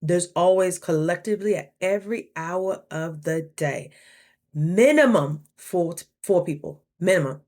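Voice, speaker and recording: Chatty woman in her thirties, lowish voice. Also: measured pace. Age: 30s. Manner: animated, chatty, acts out both sides of conversations. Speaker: vlogger. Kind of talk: casual storytelling to camera.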